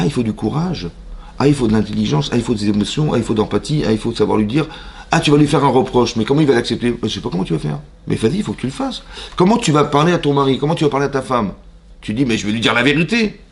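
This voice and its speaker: Fast-talking gravelly rabbi teaching a class. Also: male voice, medium pitch, a little mellow. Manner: asks the audience rhetorical questions and acts out both sides of imagined dialogues; uses Hebrew religious terms in everyday French speech. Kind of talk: lively mixed Torah class to a congregation. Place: synagogue classroom.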